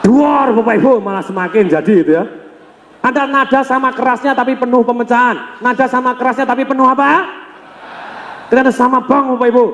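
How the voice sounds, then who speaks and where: An energetic male seminar speaker who keeps firing rhetorical questions at the crowd. His voice sits high and rushes along quickly. It booms around a large hall with a long, trailing reverb. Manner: energetic, addresses the audience constantly with rhetorical questions. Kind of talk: motivational seminar talk.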